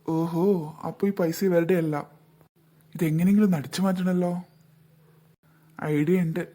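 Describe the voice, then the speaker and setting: A performer voicing a sly adult male con man in a cartoon, who fakes pleading with children, with a mellow voice. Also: mid-range voice, fairly even intonation, measured pace, lightly acted. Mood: scheming. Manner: fake pleading, then gloating. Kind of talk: cartoon voice acting.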